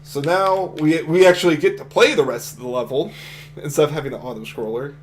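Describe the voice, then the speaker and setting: A man with a deep voice giving relaxed live commentary on his own speedrun, chatty and explaining techniques as he plays, often trailing off and restarting sentences. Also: fairly quick, slight background noise. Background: game music.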